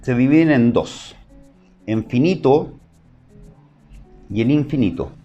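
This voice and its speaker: A man's voice: mid-range voice, animated, slow, mellow, muffled recording, soft background music. Chilean man teaching math. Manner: explains step by step, asks the class short check questions. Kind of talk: online math lesson.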